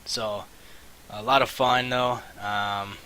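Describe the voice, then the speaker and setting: A man giving casual, rambling and halting commentary on a game stream, with mouse clicking behind him. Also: lowish voice, steady tone, bright, forceful tone. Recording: hissy mic, faint background noise.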